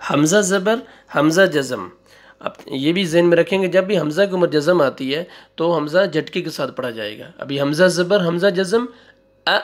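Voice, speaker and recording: A man teaching Quran reading, spelling out syllables slowly one by one, repeating them and correcting wrong readings. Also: a little high. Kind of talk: slow spelling-out recitation lesson.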